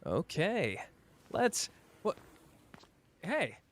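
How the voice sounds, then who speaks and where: Man acting Gojo, cocky high-voiced flirty sorcerer. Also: huge pitch swings, very slow, a bit bright, heavily acted. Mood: casual, nonchalant, then teasing. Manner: playful, smug, drawling, teasing. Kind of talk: anime character roleplay audio drama. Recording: reverberant hall, audible background noise.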